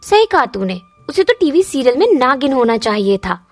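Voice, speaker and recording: A woman's voice: high-pitched, very animated, normal speed, no echo, heavily acted. A woman voicing a gossiping teenage girl friend in a cartoon, snappy and teasing. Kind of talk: cartoon dubbing.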